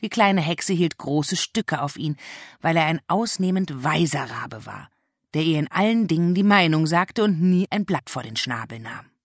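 A narrator reading a children's story aloud in a lively, expressive audiobook style. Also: medium pitch, moderate pace, dry recording, studio quality.

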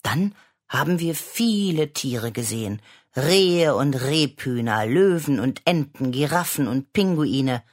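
A woman reading a children's story aloud with expressive storytelling. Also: very deep voice, slow pace. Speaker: reader.

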